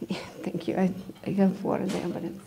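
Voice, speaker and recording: A woman from Bulgaria, a dentist giving a conference presentation, hesitant with many fillers and losing her voice as she keeps clearing her throat. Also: medium pitch, flat delivery, a little fast, whispered.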